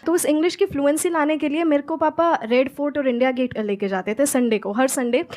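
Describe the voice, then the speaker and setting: A woman's voice: high voice, brisk, darkish tone. A woman in her twenties from India, an English teacher giving advice in an interview, mixing Hindi with fluent English. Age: 20s.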